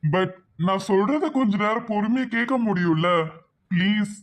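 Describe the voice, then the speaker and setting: A man's voice: high-pitched, a little slow. A man voicing a rich, lonely cartoon man who talks in a chatty, coaxing way and slips English phrases into his speech. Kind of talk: animated cartoon dubbing.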